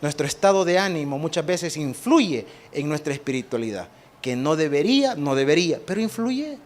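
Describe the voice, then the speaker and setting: A man with a Salvadoran accent preaching a sermon as pastor, animated, asking the congregation rhetorical questions and acting out quick exchanges. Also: high-pitched. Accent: Salvadoran Spanish. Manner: acts out quick exchanges in different voices.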